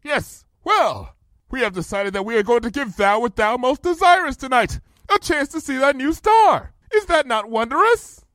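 A man's voice: very high-pitched, sing-song, normal speed, a bit bright, no room sound, pitched above the performer's own voice, heavily acted. A man voicing an imperious, theatrical female night princess pony for a storybook, speaking in grandiose archaic royal style. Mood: strained joviality. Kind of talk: dramatic audiobook character voice.

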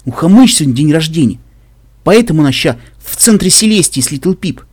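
A man's voice: a little high, lively intonation, brisk, a little mellow, breathy edge, no echo. A man voicing a brave, cheerful male pegasus caravan guard in an audiobook, speaking boldly and reassuringly. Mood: hearty.

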